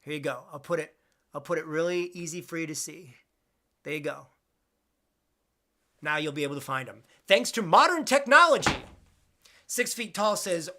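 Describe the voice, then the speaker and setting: A man's voice: on the high side, pushed and bright. A man in his twenties chatting casually on a live stream, reading out viewer questions and rambling with jokes at his own expense. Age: 20s. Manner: rambling, self-deprecating, jokey.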